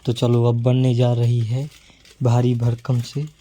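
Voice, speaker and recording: A man's voice: mid-range voice, monotone, slow pace, dark tone, a little hiss or hum. Chatty teasing man filming cooking. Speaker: vlogger. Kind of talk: casual vlog narration.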